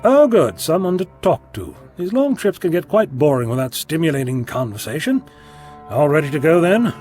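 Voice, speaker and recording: A man's voice: on the high side, sing-song, normal speed, darkish tone, soft background music. A man playing an eccentric, flippant time-travelling doctor in an audio drama, theatrical and playfully sarcastic.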